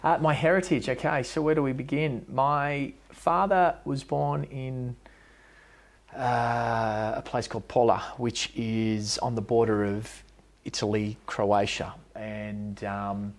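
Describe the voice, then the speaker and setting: A man who owns a bar and is running for mayor answers an interviewer's questions there, meandering, unsure, and frequently starting over. Loud background music fills the room, while his mid-range voice stays steady and slow.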